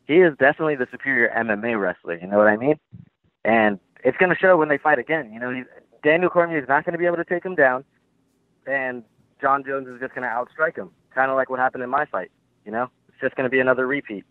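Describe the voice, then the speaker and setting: Talking fast in a mid-range voice, this eighteen-year-old fighter brags and guarantees victory as a phone interview guest. There's no room sound, just a tinny, dry phone line.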